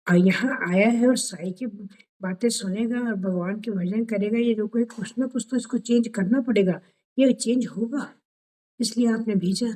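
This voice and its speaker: An older woman telling a story in a devotional session, animated and acting out conversations, speaking over a video call. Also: medium pitch, low-quality recording. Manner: animated, acts out dialogue with children. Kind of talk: storytelling talk.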